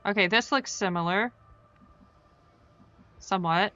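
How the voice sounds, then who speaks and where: A woman's voice: medium pitch, unhurried, bright, forceful tone, highs cut off. A woman streaming a game, chatting casually and joking about herself to her viewers. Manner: chatty, self-deprecating, talks to chat. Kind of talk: casual gameplay commentary.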